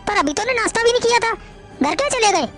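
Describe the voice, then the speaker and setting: A woman playing an elderly mother in a family drama, gentle and worried. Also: extremely high pitch, expressive, very fast, faint music behind, pitched above the performer's own voice.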